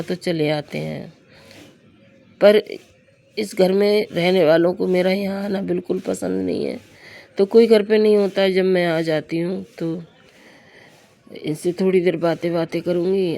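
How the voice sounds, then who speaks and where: A young woman with a hoarse, sore throat, chatting confidingly to her viewers in a casual vlog. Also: fairly low pitch, mellow. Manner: confiding, addresses viewers as friends. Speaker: vlogger. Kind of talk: casual everyday vlog narration.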